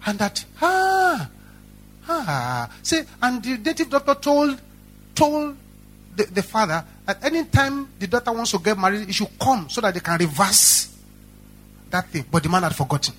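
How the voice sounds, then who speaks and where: Nigerian pastor, sermon storytelling, high and bright, repeats his lines. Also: moderate pace, slight background noise. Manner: animated storytelling with repetition.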